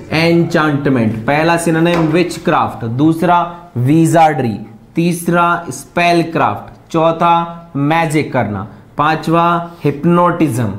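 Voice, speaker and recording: A man's voice: on the high side, roomy sound. A man teaching an exam-prep vocabulary lesson, repeating each word and quizzing viewers with questions.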